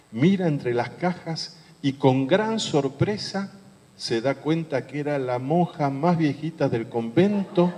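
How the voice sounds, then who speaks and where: A man's voice: mid-range voice, a little mellow, slight background noise. A priest tells a humorous anecdote during a sermon, adding playful asides to his listeners. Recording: long hall reverb.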